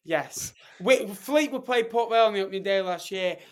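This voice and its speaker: A man's voice: high-pitched, normal speed. An English man co-hosting a football podcast, confidently arguing his predictions. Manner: confident, argues his pick. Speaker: podcast co-host. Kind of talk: casual football podcast chat.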